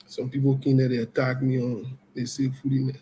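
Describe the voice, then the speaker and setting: A man hosts an online political talk show, offering live commentary and scolding viewers bluntly and loosely, swinging from loud outbursts to low-key remarks. He speaks briskly in a monotone, and there's a slight hiss or hum.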